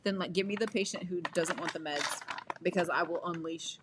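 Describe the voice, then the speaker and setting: A woman with a somewhat low voice chats casually as a podcast co-host. She tells candid, sarcastic work stories. A faint hiss of noise sits under the recording. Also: fairly quick. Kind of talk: casual chat.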